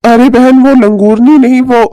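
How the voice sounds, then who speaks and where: A man's voice: high-pitched, little pitch movement, normal speed, mellow, no echo, natural voice. A man voicing a demanding, long-winded middle-aged uncle in a cartoon.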